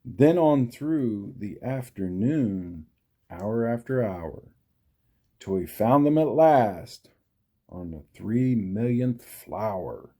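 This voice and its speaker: A man's voice: on the low side, lively intonation, takes it slowly, warm tone. A man narrating a rhyming children's storybook expressively. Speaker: storybook reader.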